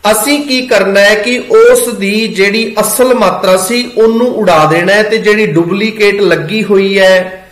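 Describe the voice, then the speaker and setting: A man's voice: high voice, echoey room, low-quality recording. A man giving a patient pronunciation lesson, asking questions and answering them himself. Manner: patient, asks and answers his own questions. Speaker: Gurbani pronunciation teacher. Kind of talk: step-by-step spoken lesson.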